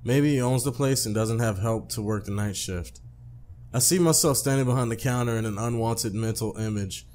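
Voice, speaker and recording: Reading through a visual novel in a let's play, this man speaks at an ordinary pace with a medium-pitched, somewhat mellow voice. His manner is chatty, with offhand remarks, fumbled words and repeated phrases.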